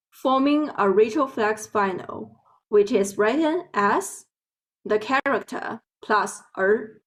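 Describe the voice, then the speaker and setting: A woman with a Chinese accent, a Mandarin speaker from Beijing, gives an online language lesson. She talks slowly and carefully, drawing out her example words. Her voice sits a little higher than most. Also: rough recording. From Beijing, China. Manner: slow, careful explaining with drawn-out example words. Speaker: Chinese teacher.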